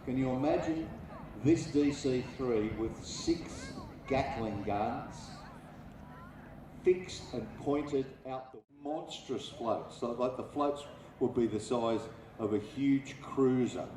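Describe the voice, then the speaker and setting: A man giving live airshow commentary on aircraft history in a measured, informative way, pausing between phrases, over an outdoor loudspeaker system. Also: medium pitch. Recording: echoey distant PA, loud engine noise. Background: aircraft and vehicle noise, outdoor ambience.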